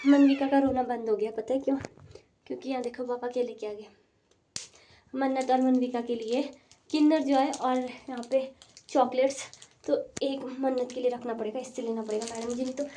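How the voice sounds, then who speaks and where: Young mom vlogger, high voice, chatty and coaxing, faint hiss behind. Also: female voice, darkish tone. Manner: chatty, coaxing and scolding her small children. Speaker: vlogger and mother. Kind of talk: casual family vlog chat.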